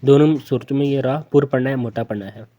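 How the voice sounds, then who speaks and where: A man's voice: mid-range voice, dark tone. A man with a Pakistani Urdu accent teaching Quran reading, patiently spelling out letters and drilling each word again and again. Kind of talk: slow letter-by-letter recitation lesson.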